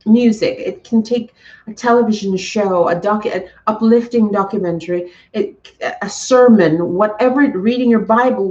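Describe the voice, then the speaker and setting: A woman's voice: mid-range voice, a little mellow, recorded from a distance, highs cut off. A woman hosting a casual livestream chat, talking to her viewers in an encouraging, emphatic way and often repeating herself. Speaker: livestream host.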